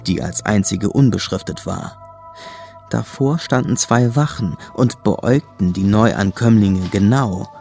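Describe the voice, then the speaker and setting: A male narrator reads a scripted story. His voice is fairly low and dark with plenty of creak, set over faint music.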